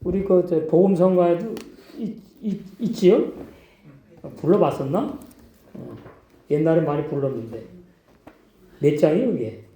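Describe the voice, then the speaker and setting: A male pastor preaches in a high, mellow voice, pressing his points with emphatic questions and short affirmations. The sound is roomy, with noticeable echo. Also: lively intonation, moderate pace, long pauses. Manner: emphatic, repeats "예" and questions to the congregation. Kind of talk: sermon.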